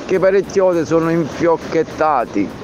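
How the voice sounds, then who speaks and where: A man's voice: a little high, expressive, measured pace, over music. A man leaving a casual voice message for a radio game, recorded on a phone amid noise. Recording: dull phone voice message, noisy vehicle surroundings.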